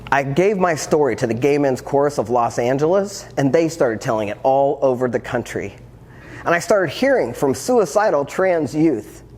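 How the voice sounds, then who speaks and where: A man's voice: medium pitch, lively intonation, normal speed, a little mellow. A man in his fifties, a transformational coach, telling his personal story to an audience with earnest reflection and wry humor. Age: 50s. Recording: long hall reverb, faint ambience.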